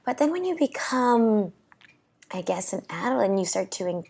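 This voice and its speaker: A woman's voice: mid-range voice, animated, normal speed, gravelly, darkish tone, husky. A young woman guest in a casual interview, talking with her hands and rambling through lots of fillers on a clip-on mic. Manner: rambling, many "like" and "you know what I mean" fillers.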